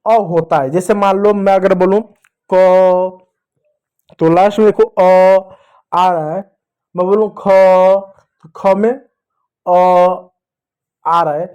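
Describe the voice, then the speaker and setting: A man with a high, light voice gives a patient reading lesson for children. He repeats each sound slowly, asks a question and answers it himself, and keeps calling his listeners dear children. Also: fairly even intonation, muffled recording. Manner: addresses the viewers as dear children. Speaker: teacher.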